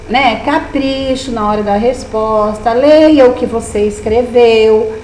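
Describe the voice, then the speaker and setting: Brazilian woman teacher guiding young kids through a workbook, slightly high and patient, recorded in an echoey room with light hum. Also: darkish tone. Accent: Brazilian Portuguese. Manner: patient, encouraging, with many diminutives. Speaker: primary school teacher. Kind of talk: remote lesson walking through a workbook.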